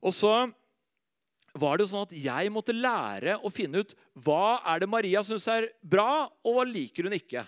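A man preaching a sermon, telling stories about himself with laughter, then going soft and slow when he speaks of faith. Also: high voice, expressive, no echo, studio quality.

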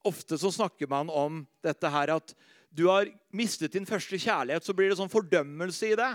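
High-voiced, lively male preacher. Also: no echo, studio quality. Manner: animated storytelling, laughs at himself, drops soft and slow on faith lines. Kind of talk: sermon with personal stories.

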